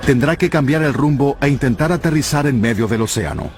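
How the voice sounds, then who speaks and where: A man's voice: mid-range voice, lively intonation, brisk, darkish tone, a little hiss or hum. A man with a Latin American Spanish accent reading scripted documentary narration. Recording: dramatic music behind the voice. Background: music.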